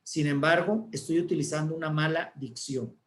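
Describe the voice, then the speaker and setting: A man, an announcer, explaining speaking techniques in a relaxed talk and demonstrating intonations. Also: a little high, normal speed, roomy sound. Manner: didactic, demonstrates intonations with examples. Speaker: guest speaker, announcer and communicator.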